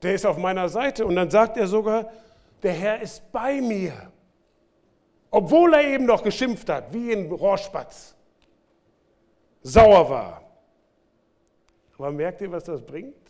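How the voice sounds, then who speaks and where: A man preaching a sermon to his congregation, speaking with lively swings between loud bursts and quiet asides. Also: sits high, takes it slowly, pauses often. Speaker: pastor. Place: church.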